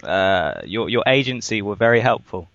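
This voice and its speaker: A man hosting a podcast interview, chatty and enthusiastic, quick to laugh. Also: on the low side, lively intonation, a bit bright, no echo. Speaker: podcast host. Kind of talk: casual interview chat. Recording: dry lo-fi call audio.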